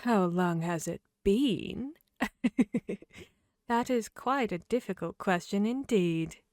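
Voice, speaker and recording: A woman's voice: medium pitch, lively intonation, darkish tone, no room sound, clean studio sound. A woman voicing a grinning, fickle cat from Wonderland, playful and riddling, in an ASMR fantasy roleplay. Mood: teasing, musing. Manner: slow, playful, riddling drawl. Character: grinning Cheshire cat, teasing, fickle, mad Wonderland creature.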